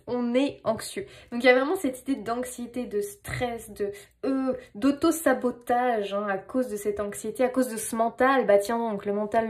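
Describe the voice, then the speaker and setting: A woman's voice: a little high, darkish tone. A woman with a French accent giving a casual, playful tarot reading, talking with lots of fillers. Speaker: tarot reader.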